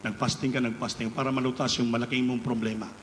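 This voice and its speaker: A man preaching a storytelling sermon during a live church service, telling the story with animated rises at its high points. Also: fast. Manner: animated storytelling, rising pitch at climaxes. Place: church hall. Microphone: live webcast of service. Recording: echoey church hall, faint noise.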